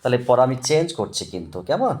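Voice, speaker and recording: A man's voice: medium pitch, big pitch swings, fast talker, darkish tone. A man tutoring young pupils in English words, explaining patiently and checking they follow. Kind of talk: recorded English vocabulary lesson for young pupils.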